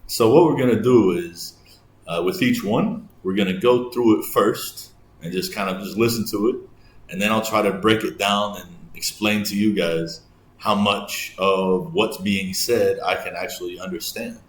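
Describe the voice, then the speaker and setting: A man's voice: lowish voice, normal speed, echoey room, slight background noise. A man from England with an English accent, hosting a casual explainer video and thinking aloud as he explains. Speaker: host, English teacher.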